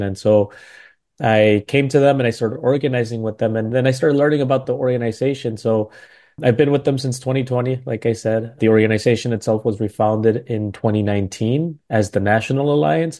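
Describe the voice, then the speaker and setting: A man's voice: on the low side, mellow. A man in his thirties from Milwaukee giving a conversational talk as a guest speaker, often adding "right?" and "you know" to his phrases. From Milwaukee, United States. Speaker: guest speaker, community organizer. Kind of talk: prepared talk at a panel event.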